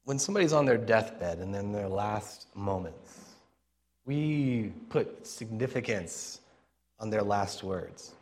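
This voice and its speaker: An animated pastor with a lowish, raspy voice strains to project during an informal sermon. He sounds earnest and chatty, often pausing in the middle of a phrase.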